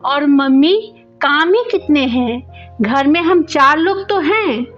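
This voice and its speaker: Storybook figure: a polite, hesitant young bride read by a woman, high voice, slow delivery, lo-fi sound. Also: lively intonation, a bit bright, heavily acted. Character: shy, dutiful young bride. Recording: dull lo-fi audio with faint music.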